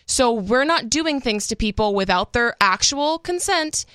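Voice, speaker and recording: Woman radio co-host, clear smooth tone, slightly high, earnest explainer, dry studio sound. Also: animated, measured pace, a bit bright, no echo. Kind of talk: casual talk radio chat. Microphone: studio microphone.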